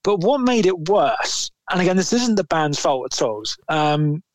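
A man's voice: sits high, very animated, a little slow, dry recording. A man, co-hosting a podcast and telling a long, rambling story in casual chat, swearing now and then. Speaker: podcast co-host.

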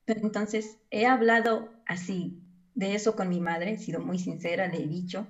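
A woman's voice: medium pitch, steady tone, moderate pace, dull audio. A young woman asking for advice, hesitant and searching, with many restarts. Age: young adult. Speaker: advice seeker. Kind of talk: casual conversation.

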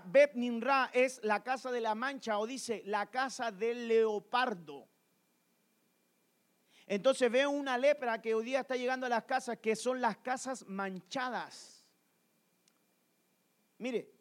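High-voiced preacher man, animated sermon. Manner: animated storytelling with rhetorical questions to the congregation. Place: church.

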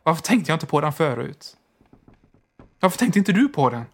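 A man voicing a frantic, shrill old mother. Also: husky, full character voice. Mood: hysterical. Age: older. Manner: shrill, excited pleading. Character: frantic grieving old mother, fevered and desperate.

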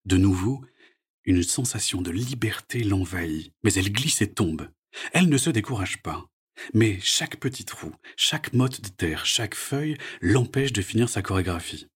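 A man narrating a children's storybook read-aloud in an expressive, soft storytelling manner, with a breathy voice. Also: lowish voice, moderate pace.

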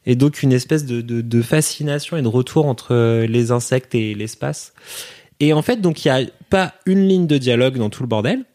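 A man's voice: mid-range voice, normal speed, warm tone. A man co-hosting a podcast in casual chat, rambling with lots of fillers and restarts. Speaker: podcast co-host.

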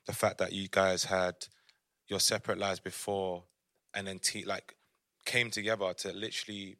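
A man's voice: sits low, level tone, normal speed, pushed and bright, no echo, studio quality. A man with a London accent co-hosting a casual chat in effusive, slangy talk. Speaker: podcast co-host.

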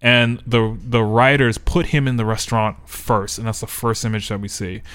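A man's voice: mid-range voice, little pitch movement, normal speed, fairly bright tone, no echo. Rambling man on a podcast. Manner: rambling, thinks aloud with many restarts. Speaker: podcast co-host. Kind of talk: casual chat. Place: podcast studio.

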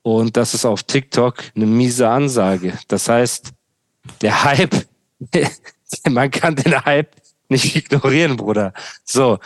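A man's voice: mid-range voice, slow, dry recording. A young man hosting a podcast, ranting sarcastically in casual chat full of street slang. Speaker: podcast host.

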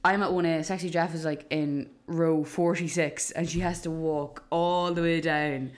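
A woman's voice: low-pitched, fairly even intonation, normal speed. A woman with an Irish accent from Dundalk, chatting casually and informally as a podcast co-host with sweary banter. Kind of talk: casual chat.

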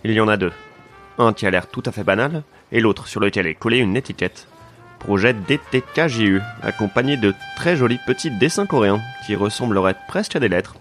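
A man narrating a comic detective story in a deadpan, mock-serious way. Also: on the low side, brisk, faint music behind. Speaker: narrator and lead of a comedy podcast. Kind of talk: scripted comedic detective narration.

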